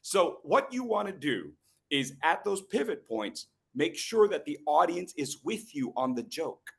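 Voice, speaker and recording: A middle-aged man giving a humorous talk on storytelling to a live group, teasing people in the room and slowing down with pauses for emphasis. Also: fairly high pitch, sing-song, gravelly, husky. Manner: playful, teasing the audience, quick asides. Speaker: educational speaker at a club meeting.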